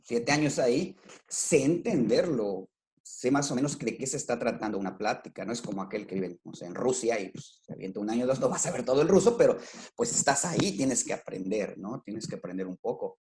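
A man's voice: medium pitch, expressive, a little fast, darkish tone. A man with a Mexican Spanish accent, a schoolteacher explaining his work in a casual interview, talking with many fillers and restarts. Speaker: rural schoolteacher, guest.

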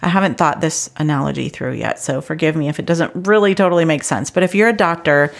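A woman's voice: low voice, quick pace, gravelly. A middle-aged woman hosting a solo podcast for travel agents, talking earnestly and with growing intensity before reining herself in. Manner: earnest and animated, gets intense then reins herself in. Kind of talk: casual solo podcast talk.

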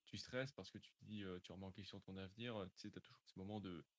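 A man's voice: low voice, fairly even intonation, quick pace. A young man, a sound engineer, answering interview questions casually, thinking aloud with lots of hesitation.

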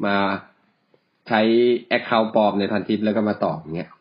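Laid-back low-voiced man, crude banter. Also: normal speed. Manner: crude slangy banter, laughs often. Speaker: podcast co-host. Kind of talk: casual chat. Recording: dull lo-fi sound.

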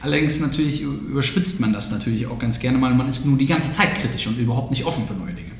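A man's voice: medium pitch, animated, quick pace, roomy sound. A German man hosting a casual podcast conversation, asking probing practical questions in a conversational way with frequent restarts.

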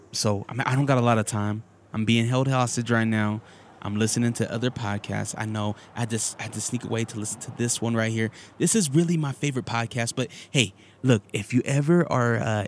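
A man doing a comic promo skit as a hostage sneaking out a message, hesitant and hurried. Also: mid-range voice. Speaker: podcaster in a promo. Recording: clear background noise and ambience.

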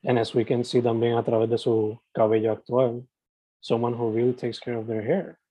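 A man hosts a casual podcast interview, and his voice is very dark and mellow. The sound is dry and close, and he hops between two languages within a single sentence. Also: medium pitch, little pitch movement, moderate pace, breathy edge, no room sound. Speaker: podcast host.

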